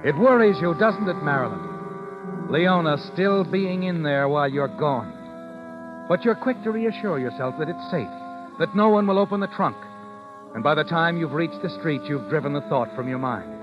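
Here the man's pitch is fairly high and his speed normal, animated yet close to an everyday voice, though the recording is muffled. He voices an ominous, insinuating 1940s radio narrator who confronts the guilty woman as "you," pressing her with pointed questions over dramatic music.

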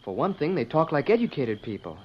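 A man's voice: a little high, big pitch swings, fairly quick, a little hiss or hum. An actor playing an earnest, polite teenage boy in 1940s radio acting on a dull old broadcast recording.

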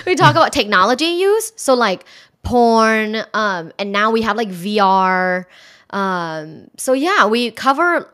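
A woman speaks as a sex educator in a casual interview. She is frank and candid, giggles easily and leans on loose fillers. Her voice sits at an ordinary middle pitch. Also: fairly bright tone. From Thailand. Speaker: sex educator and college instructor.

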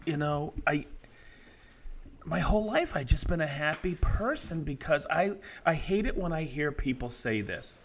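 A middle-aged man co-hosting a casual podcast, animated and quick to laugh. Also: fairly high pitch. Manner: animated, laughs loudly and often, reads comments in mock voices. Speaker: podcast co-host. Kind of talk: casual chat.

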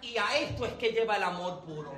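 A woman preaching a fervent sermon, building to shouted peaks. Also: medium pitch, animated, a little fast, echoey room.

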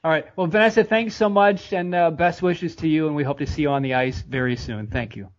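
An American man hosting a podcast interview, friendly and fast-talking, often repeating words. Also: a little high, lo-fi sound. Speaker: podcast host.

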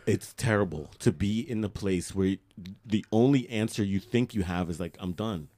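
A man's voice: on the low side, normal speed, warm tone, dry recording. A young man co-hosting a podcast, talking in a heartfelt, emphatic and profane way. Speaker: podcast co-host. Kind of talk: candid podcast chat.

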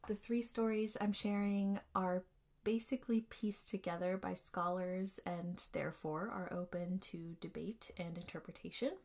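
A woman hosting a storytelling podcast, narrating scripted material in a measured, explanatory way. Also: fairly low pitch, fairly even intonation, darkish tone.

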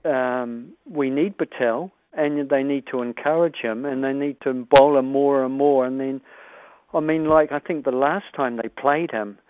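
A man's voice: medium pitch, steady tone, measured pace. A man with a New Zealand accent calling in to a talkback radio show over the phone, speaking hesitantly with many fillers. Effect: heard over the phone. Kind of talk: casual phone-in chat. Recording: dry tinny phone line.

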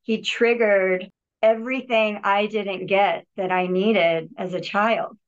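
Her voice is medium in pitch, slow, with fairly even intonation. A podcast guest who is a healer and yogi, she sincerely and reflectively recounts her personal healing, repeatedly starting over and repeating words. The audio quality is dull lo-fi.

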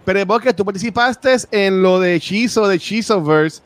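A Puerto Rican man co-hosting a gaming show in casual, excitable chat, often repeating his words and phrases. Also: high-pitched, moderate pace. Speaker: co-host and producer of a gaming show.

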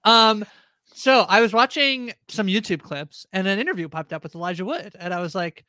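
Brief: woman podcast host, lively swinging pitch, bright tense tone, self-mocking storytelling. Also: moderate pace, dry recording. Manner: animated, self-deprecating storyteller. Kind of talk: casual chat.

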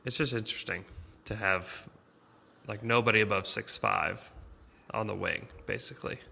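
Male host, chatty and laughing, gravelly low voice, bright tone, cavernous echo-chamber room sound. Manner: chatty, laughs often, halting restarts. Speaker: podcast host. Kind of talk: casual sports chat. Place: large echoey boardroom.

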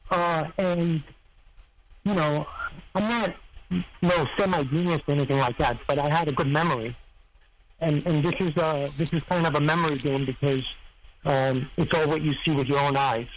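A man from Serbia recounts his past in a halting, rambling way, often stopping to search for the right words. His voice sits a little higher than most men's, with a faint hiss of noise underneath. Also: low-quality recording. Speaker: guest, former heist crew member. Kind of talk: casual interview storytelling.

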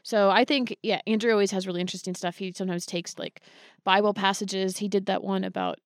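A woman's voice: mid-range voice, steady tone, quick pace, no echo, studio quality. A woman hosting a podcast, opening the episode and steering the conversation in an upbeat, conversational way. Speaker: podcast host and producer.

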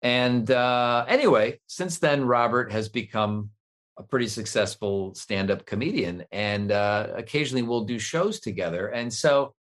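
A man's voice: mid-range voice, measured pace. A middle-aged man, a voice actor, chatting as an interview guest in a rambling, self-deprecating way. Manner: rambling, self-deprecating, many fillers and restarts. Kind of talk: casual interview chat.

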